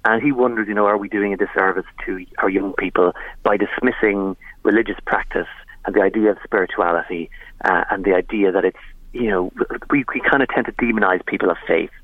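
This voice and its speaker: A man with a County Monaghan Irish accent chats as a radio interview guest. His voice is fairly low and very quick, on a dry, slightly dull line. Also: no room sound. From Monaghan, Ireland. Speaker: documentary presenter being interviewed.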